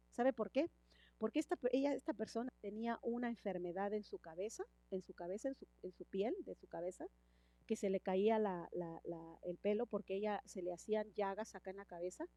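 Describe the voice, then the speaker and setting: A woman's voice: mid-range voice, dark tone, no room sound. A middle-aged woman preaching a sermon and telling a personal testimony, emphatic, repeating words and restarting her phrases.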